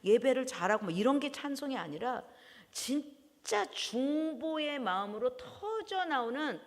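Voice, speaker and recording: A woman preaching a sermon in a church, animated, often laughing and breaking into loud exclamations. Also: high-pitched, a little slow. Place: church hall. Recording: long church hall reverb.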